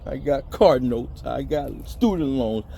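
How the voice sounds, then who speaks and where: A man's voice: medium pitch, lively intonation, unhurried, gravelly, dark tone, a little hiss or hum. A man in a blunt, preachy motivational rant, cursing and mimicking people who make excuses. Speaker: motivational vlogger.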